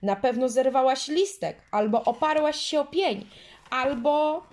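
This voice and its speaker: A stubborn, quarrelsome little girl from a storybook, as a woman reader puts her on. The voice is raised well above the reader's own and pushed loud and whiny. It sounds like a child who insists she is right. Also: a little high, lively intonation, a little slow, voice pushed up. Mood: angry. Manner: whiny, shouting, indignant.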